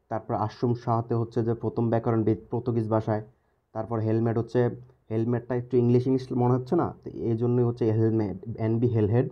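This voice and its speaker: Male teacher, deep-ish voice, patient and repetitive, dull lo-fi recording. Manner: repeats key words slowly, asks checking questions. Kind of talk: casual recorded lesson.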